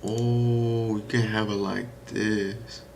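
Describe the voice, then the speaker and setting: A man's voice: fairly low pitch, level tone, takes it slowly, creaky, darkish tone, a little hiss or hum. A young man talking loosely on a live trading stream, rambling and saying "bro" and "like" a lot. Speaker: day-trading livestreamer. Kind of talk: casual live-stream chat.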